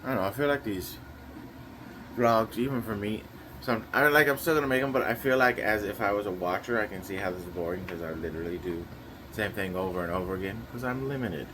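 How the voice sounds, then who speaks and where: This young vlogger has a lowish, slightly nasal voice and talks fast, with a noisy background. He runs casually through his daily vlog plans, rambling and filling pauses often.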